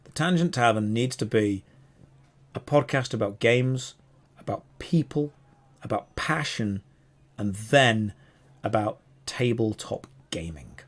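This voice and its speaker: A man's voice: on the low side, animated, takes it slowly. Man, podcast co-host, casual chat, enthusiastic, rambling.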